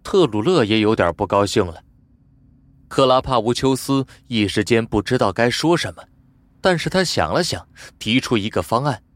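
A man narrating an audiobook in a scripted, expressive storytelling style. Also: medium pitch, moderate pace, no echo.

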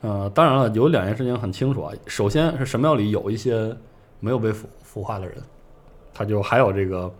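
A man hosting a podcast, casually retelling a game's story in a rambling way with many fillers. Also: on the low side. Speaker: podcast host recounting game lore.

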